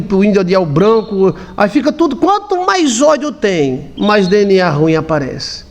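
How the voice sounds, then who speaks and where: A man's voice: high voice, creaky. A man from Brazil, a pastor, preaching bluntly in everyday words and often asking his listeners if they understand. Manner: blunt and colloquial, asks the listeners questions. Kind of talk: sermon.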